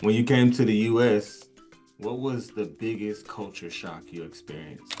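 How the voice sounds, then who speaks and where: Low-voiced male show host. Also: measured pace, faint music behind. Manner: scripted, emphatic introduction then relaxed questions. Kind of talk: interview hosting.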